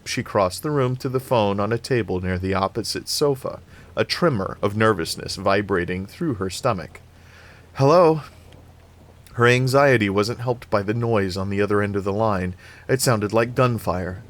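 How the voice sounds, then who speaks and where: A man reading a novel aloud in a lively, expressive way. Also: fairly low pitch, moderate pace. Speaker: reader.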